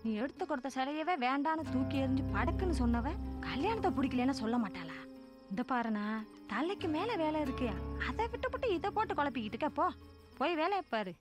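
An actress playing a brisk sister in a film who brushes off her brother's worries. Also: high voice, big pitch swings. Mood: scolding. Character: brisk, dismissive sister busy with wedding work. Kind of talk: film dialogue. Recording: film soundtrack with loud music.

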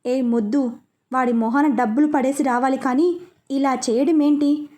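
A woman voicing a hot-tempered, possessive young man in love, who talks in sharp, scolding questions. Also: high-pitched, fairly even intonation, moderate pace, natural voice. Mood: heated.

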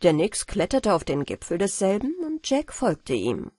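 A woman reading a fairy tale aloud as a calm, unhurried bedtime audiobook. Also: medium pitch, slightly rough, dry recording. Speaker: audiobook reader.

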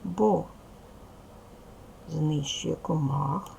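Slow, very gravelly woman teacher. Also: sits low, dark tone, a little hiss or hum, rough recording. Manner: patient, instructive, asks the class questions and praises answers. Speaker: primary school teacher. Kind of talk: recorded video lesson for young pupils.

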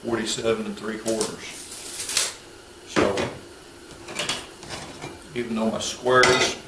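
In his home garage, a man in his thirties explains a woodworking build step by step, his lowish voice flat and slow. He's plainly instructive and matter-of-fact, recorded in a roomy workshop from a distance, with tool noise in the background.

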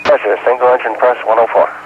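A man, an astronaut aboard the spacecraft, giving brisk, clipped readbacks over a breaking-up space radio link. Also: mid-range voice, steady tone. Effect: breaking-up space radio from orbit. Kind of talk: terse radio replies. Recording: thin phone-like radio with hiss.

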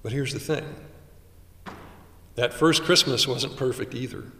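A man in his sixties preaching a sermon from a pulpit in a small chapel, with measured delivery and dramatic pauses. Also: mid-range voice, sharp tone. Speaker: chaplain. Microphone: stand mic at pulpit, far camera. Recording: roomy chapel echo from far off.

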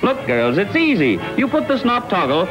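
A man's voice: high-pitched, wildly swooping pitch, moderate pace, muffled recording. A man giving jokey, punning 1940s newsreel commentary, heard as an old newsreel soundtrack. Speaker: newsreel narrator. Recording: old newsreel audio with loud music. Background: loud music.

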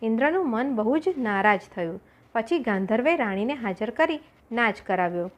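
Expressive woman reading a folk tale. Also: on the high side, normal speed. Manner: expressive storytelling, voices characters. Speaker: audiobook narrator.

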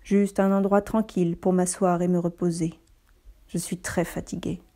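A woman's voice: fairly low pitch, little pitch movement, moderate pace, dark tone, lightly acted. A woman doing a weary boy grown old. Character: boy growing old, restless then weary.

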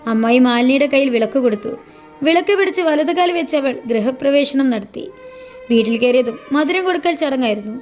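A woman storyteller reads a love story in calm, steady narration. Her voice sits high, and soft music plays faintly beneath her.

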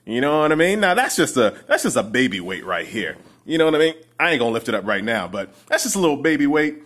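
A man's voice: medium pitch, quick pace. A man talking casually and playfully to the camera in his home vlog, speaking slangy and straight to viewers. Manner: playful, animated, slangy, addresses viewers directly. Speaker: vlogger.

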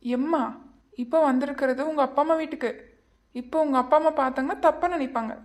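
Cartoon husband, young and irritable, voiced by a woman; high voice, firm delivery. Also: steady tone, quick pace, natural voice. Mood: irritated. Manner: firm, scolding, then teasing. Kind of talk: cartoon voice acting.

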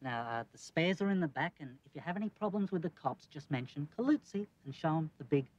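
A man's voice: on the high side, expressive, quick pace, muffled recording. A man playing a slick shady car salesman. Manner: smooth, wheedling sales patter. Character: fast-talking shady used car salesman.

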